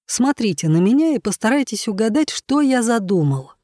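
A man reading an audiobook voices a patient old household robot, calm and measured. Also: high voice, no echo, studio quality, pitched above the performer's own voice.

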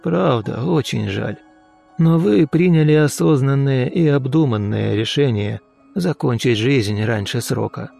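A man voicing a calm, unshakable old taxi driver who speaks slowly and evenly, gently insistent. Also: medium pitch, creaky, faint music behind. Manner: slow, even, gently insistent.

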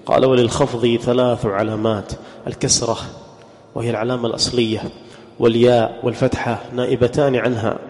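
A male grammar teacher giving a classroom lesson in a medium-pitched voice. He puts questions to his students and drills example words one at a time. His voice rings out with a long hall reverb. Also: little pitch movement, fairly quick, darkish tone.

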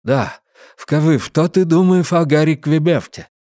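A hulking, timid giant voiced by a man reading aloud who slurs and mangles his words. His voice sits a little higher than usual and sounds pleading. Dry, close audiobook sound. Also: unhurried, warm tone, no echo, close to an everyday voice.

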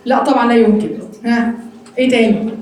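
A woman with an Egyptian accent teaching an interactive Quran study lesson, quizzing her students in a quick, teasing way. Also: fairly high pitch, fairly even intonation, a little mellow, very echoey. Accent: Egyptian Arabic.

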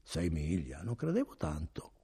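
Cast: man doing guarded young villager, husky, dark, feigning indifference. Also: a little high, wildly swooping pitch, moderate pace, voice pushed up, heavily acted. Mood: muttered. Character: wary young male mountain villager. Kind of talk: audiobook character reading.

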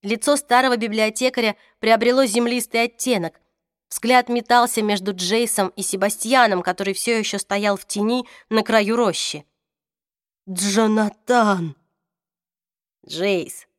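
A woman reads a fantasy novel aloud with dramatic expression. Her voice sits somewhat high, and the recording is close and dry. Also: normal speed, no room sound. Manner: expressive dramatic reading, voices each character. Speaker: audiobook narrator. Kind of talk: scripted narration.

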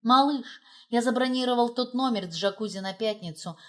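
A woman's voice: fairly high pitch, fairly quick, natural voice. Smug flirty cheating husband in an audiobook, read by a woman, lightly characterized.

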